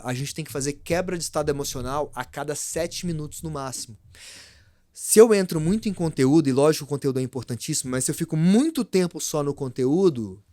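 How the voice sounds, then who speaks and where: A Brazilian man with a slightly high voice talks quickly in a podcast interview. He explains with animated shifts in pace and loudness. The recording is close and dry. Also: no room sound. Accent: Brazilian Portuguese. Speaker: guest, speaker and speaking mentor.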